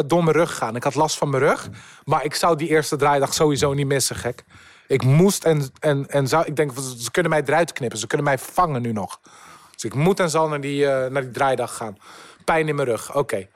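Casting: young male comedian, high voice, animated storyteller who swears and mixes in English. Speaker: podcast guest, comedian. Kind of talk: storytelling anecdote.

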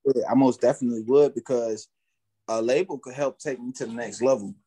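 A man's voice: medium pitch, fairly quick, mellow, breathy edge, poor audio. A man with an American accent chatting casually as an interviewed music artist, using street slang and repeating his phrases. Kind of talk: casual chat.

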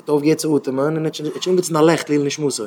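Emphatic rabbi with a raised voice. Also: male voice, a little high, fairly even intonation, fast talker, noisy background. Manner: emphatic, repeats phrases in rising bursts. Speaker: rabbi giving a talk.

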